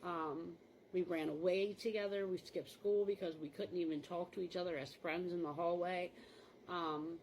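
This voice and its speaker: A woman's voice: on the low side, fairly even intonation, moderate pace, darkish tone, a little hiss or hum, poor audio. A mother talking candidly in a rambling, casual monologue, full of "like" fillers, while changing clothes.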